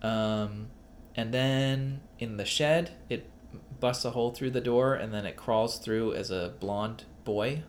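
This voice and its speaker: A man's voice: mid-range voice, slow pace, hardly any pauses, a little hiss or hum. A man co-hosting a casual podcast about a film, rambling with many fillers and restarts. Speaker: podcast co-host.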